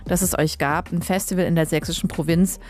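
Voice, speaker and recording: On her radio music show, a woman from Leipzig, Germany, speaks fairly quickly in a fairly low, steady, slightly mellow voice. She's chatty and colloquial, ending lines with tag questions, and sits close to a studio radio microphone.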